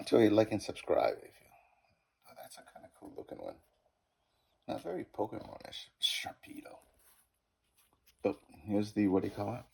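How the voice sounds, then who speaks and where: Here the same sort of speaker, a middle-aged man with a Boston accent, is very animated at a normal speed, his fairly low voice creaky, husky and a little mellow, with long pauses. He chats loosely through pack openings, fumbling card names and making self-deprecating remarks.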